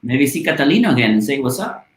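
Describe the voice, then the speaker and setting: With a sing-song lilt and a quick pace, a mid-range male voice, a guest from Guatemala representing a volunteer charity, speaks earnestly and passionately on a casual podcast, often saying "uh." The recording is echoey and roomy.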